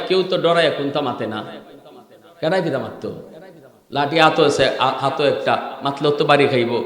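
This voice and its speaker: A man from Bangladesh with a Sylheti-tinged Bengali accent, preaching a storytelling sermon that climbs into loud chanted peaks. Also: fairly high pitch. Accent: Sylheti-influenced Bengali. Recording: echoey hall with long reverb.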